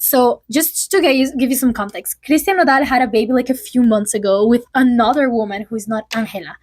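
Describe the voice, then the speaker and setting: Young woman vlogger in her early 20s, kinda high voice, rambly, says like a lot. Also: a little fast, a little mellow. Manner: chatty, filler-heavy, lots of "like". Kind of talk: casual gossip chat.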